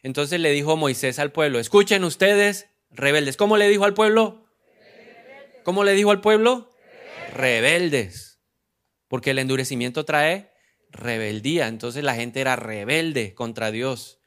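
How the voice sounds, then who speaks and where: A man preaching a sermon who asks the congregation questions and answers them himself, slowing down to stress key phrases. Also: mid-range voice, expressive, clean tone. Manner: acts out quoted lines with sudden loud outbursts. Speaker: pastor.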